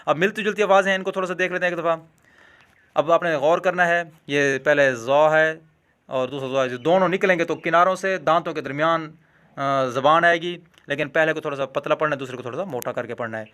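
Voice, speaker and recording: A man with a Pakistani Urdu accent teaching pronunciation, patiently repeating each sound slowly and drawn out. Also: fairly high pitch, fairly bright tone. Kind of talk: instructional demonstration.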